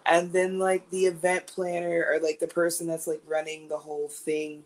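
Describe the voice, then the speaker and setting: A woman, a guest recording artist, telling animated stories in a casual interview and laughing often. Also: sits low, moderate pace.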